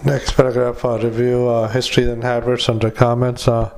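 Monotone man giving halting medical dictation. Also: medium pitch, vocal fry. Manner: halting, hesitant, with frequent long pauses. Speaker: doctor dictating a psychiatric evaluation. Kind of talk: medical dictation with spoken formatting cues.

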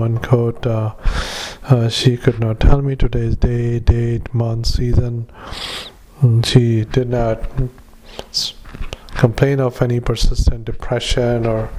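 A man, a psychiatric clinician, dictating a clinical note into a dictaphone, halting with many fillers and speaking punctuation and paragraph breaks aloud. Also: medium pitch, darkish tone, a little hiss or hum, poor audio.

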